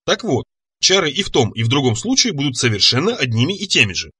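A man's voice: mid-range voice, big pitch swings, fast talker, bright, forceful tone, breathy edge, full character voice. A man voicing a fussy, nervous middle-aged scholar who talks pedantically and hesitantly.

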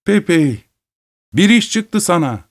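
A man voicing a stern, sharp-tongued farm mother who scolds and gives orders. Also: mid-range voice, sing-song, moderate pace, lightly acted. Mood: scolding. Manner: scolding, commanding.

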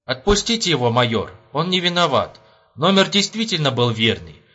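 Man playing a calm drawling army captain. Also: medium pitch, normal speed, breathy edge, dull audio, full character voice.

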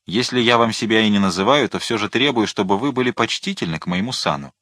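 A man's voice: on the low side, fast talker, bright, forceful tone, dry recording. A man reading an audiobook and voicing a haughty, imperious nobleman who is used to giving orders, in a dry studio recording. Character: haughty commanding nobleman leading riders.

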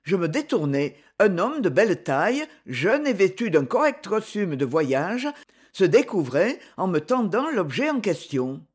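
A woman reading a first-person novel aloud as an audiobook, in an expressive storytelling manner. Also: mid-range voice, a little slow, breathy edge. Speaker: audiobook reader.

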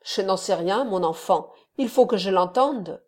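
A woman voicing an elderly kindly male friar who gives gentle, fatherly counsel. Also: medium pitch, animated, unhurried.

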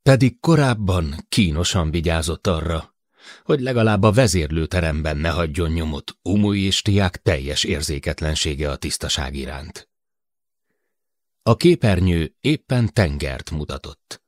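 Deep-voiced man narrating an audiobook. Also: no room sound, studio quality. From Hungary. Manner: measured, even storytelling. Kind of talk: scripted narration.

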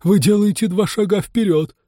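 A man playing a weepy, mellow mock turtle. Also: high voice, no echo, studio quality, natural voice. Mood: mournful. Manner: mournful, slow singing and talking. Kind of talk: audiobook reading.

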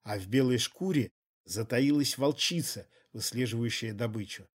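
A man reading an audiobook in even, measured scripted narration. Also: medium pitch, slightly rough.

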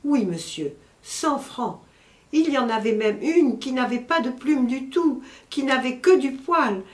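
A woman's voice: high voice, expressive, a little slow, voice pushed up. A woman reading an audiobook voices a distraught male household servant, wailing his exclamations. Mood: plaintive. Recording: roomy echo.

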